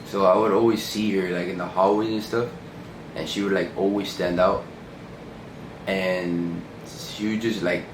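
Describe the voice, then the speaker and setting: A man of twenty-two from Miami, chatting casually as a vlogger and telling stories in a relaxed, rambling way. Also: low voice, a little slow. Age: 20s. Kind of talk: casual chat to camera. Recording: echoey room with background noise.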